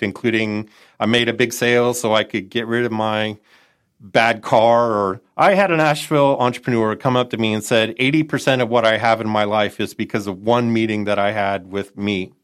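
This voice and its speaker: A smooth, steady voice on the low side, at normal speed, belongs to a middle-aged man from Minot, North Dakota. Speaking with a nasal Chicago accent as a guest in a conversational interview, the nonprofit entrepreneur advisor rambles, adds folksy remarks, and keeps revising what he says.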